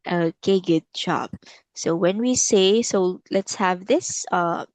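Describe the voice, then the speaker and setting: Slow, patient woman tutor. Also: fairly low pitch, a little mellow, no echo. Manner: slow, drawn-out model words. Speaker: English tutor. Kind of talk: online one-on-one English lesson.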